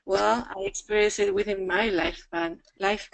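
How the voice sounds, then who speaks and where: Gravelly woman in her sixties from Argentina. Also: mid-range voice, fairly even intonation, normal speed, rough recording. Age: 60s. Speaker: webinar participant. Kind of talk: telling a personal story on a call.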